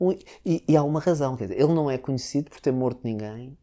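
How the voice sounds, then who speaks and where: A man's voice: medium pitch, rapid-fire, dark tone. A man from Portugal speaking European Portuguese, a guest in a casual conversation, who hesitates and restarts often. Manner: hesitant, with many restarts and filler words.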